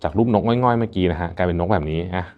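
A man's voice: low voice, very fast, lo-fi sound, over music. A middle-aged man hosting a casual hands-on gadget review, chatty and polite, thinking aloud as he tries out features. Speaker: host reviewing a phone. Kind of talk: casual hands-on product demo.

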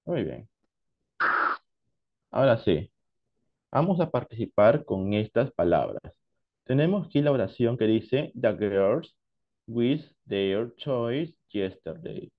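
Male English teacher from Peru, unhurried classroom explainer, dull low-fidelity recording. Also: big pitch swings. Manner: slow, deliberate explanations mixing Spanish and English. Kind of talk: online class lesson.

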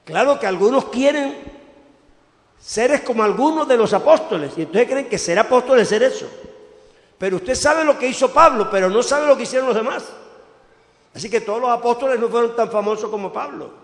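High-voiced preacher man, gravelly, echoey hall. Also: animated, fairly quick. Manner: preaching with sudden loud outbursts and quiet drops. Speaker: pastor. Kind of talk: sermon.

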